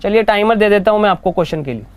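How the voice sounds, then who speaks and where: Clear-voiced male teacher. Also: high-pitched, lively intonation. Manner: coaxing, keeps asking if students understood; reads statements out slowly. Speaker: exam coaching teacher. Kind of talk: online reasoning lesson.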